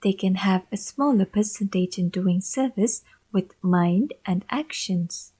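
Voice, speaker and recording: Breathy woman as a live interpreter. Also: medium pitch, dark tone. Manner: measured, short phrases with pauses between them.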